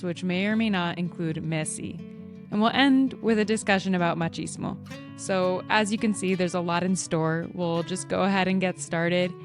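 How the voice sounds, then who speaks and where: A woman in her twenties hosting a podcast interview, speaking in a measured, reflective way. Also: fairly low pitch. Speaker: podcast host.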